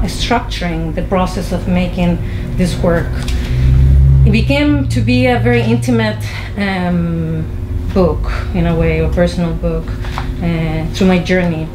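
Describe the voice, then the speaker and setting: A woman from Chile, a filmmaker, giving a halting introduction to her lecture performance with many fillers and restarts. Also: medium pitch. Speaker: filmmaker and guest artist. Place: small film venue. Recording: echoey room with noise.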